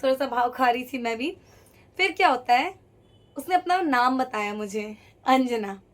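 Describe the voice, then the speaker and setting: A young woman telling a personal story in a casual vlog, lively and acting out each quoted voice. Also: sits high, normal speed. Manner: lively, acts out every quoted voice.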